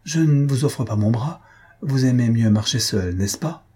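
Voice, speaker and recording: A man voicing a lonely, kind country gentleman who grumbles and reproaches his friend. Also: medium pitch, lively intonation, a little slow, husky. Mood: shy.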